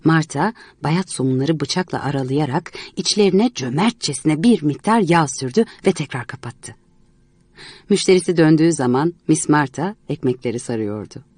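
A woman reading a story aloud in a measured, expressive way. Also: low voice, breathy edge, no echo. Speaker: narrator.

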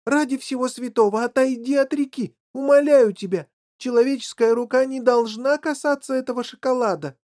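Field: story. Figure: a man playing an eccentric, excitable chocolate maker. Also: high voice, moderate pace. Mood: animated. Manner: animated, exclamatory storytelling.

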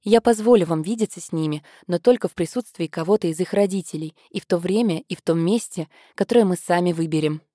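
A woman's voice: lowish voice, fast, few pauses, mellow, no echo, clean studio sound, close to an everyday voice. A woman voicing a resolute young noblewoman who makes firm, clipped demands in a read-aloud story. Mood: stern.

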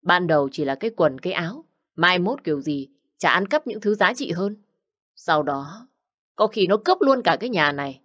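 A woman's voice: lowish voice, expressive, normal speed, fairly bright tone. A woman voicing a cruel young woman who taunts and mocks. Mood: taunting.

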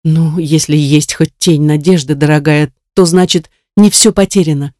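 A reader voicing a kind, generous woman who calmly reassures her grieving friend in an audiobook. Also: mid-range voice, normal speed, no room sound, clean studio sound, lightly acted. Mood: reassuring. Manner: soothing, reassuring. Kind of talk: audiobook character reading.

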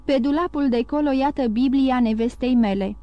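A woman voicing a poor, excitable male innkeeper who exclaims fervently in an audiobook. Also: sits high, dry recording, lo-fi sound, close to an everyday voice.

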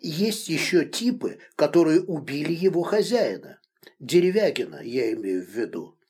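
An enraged, possessive middle-aged husband bursts out in high, loud accusations and drops to hissed threats, as a male audiobook narrator puts him on. His voice swings widely between shouting and whispering. The reading is a plain audiobook delivery. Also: big pitch swings, moderate pace. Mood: curt. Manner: shouting accusations, then hissing low threats. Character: angry middle-aged married man, controlling and furious.

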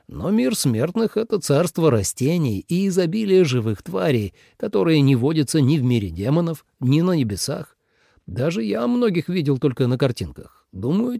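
A man voicing an old, powerful male dragon in a storybook reading, talking in a gentle, coaxing way. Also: fairly high pitch, vocal fry, slightly rough, no echo, clean studio sound, exaggerated voice.

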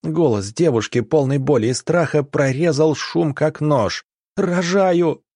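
A man narrating an audiobook in a tense, measured storytelling manner. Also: on the high side, mellow, no room sound.

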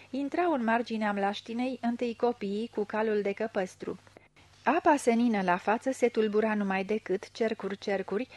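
Female audiobook reader, middle pitch, even scripted narration, dry close recording. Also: no room sound.

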